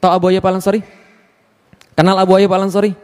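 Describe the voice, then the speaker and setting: High-voiced preacher in an echoing hall. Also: male voice, quick pace, clear, resonant tone. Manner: animated, asks the audience many questions. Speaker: Islamic preacher. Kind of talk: lively religious lecture.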